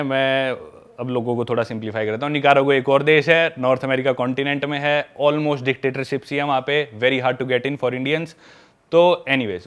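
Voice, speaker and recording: A man of middle pitch recounts a travel mishap on a casual podcast. He talks in an animated way, drops English words into his Hindi and mimics the people in his story. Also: clear, resonant tone. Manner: animated storyteller who acts out quoted dialogue.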